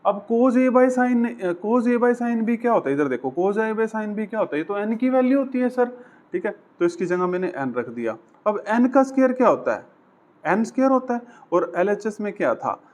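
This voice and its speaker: Man, maths tutor, chatty, coaxing, slightly higher voice. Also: sing-song, normal speed, a little mellow. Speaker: maths teacher. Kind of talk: whiteboard maths lesson.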